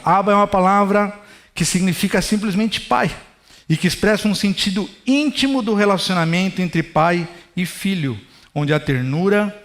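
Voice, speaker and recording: A pastor in his thirties preaches in a high, light voice. He talks to the congregation as if chatting with them, asking them questions along the way. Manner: conversational preaching, addresses the congregation directly. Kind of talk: sermon.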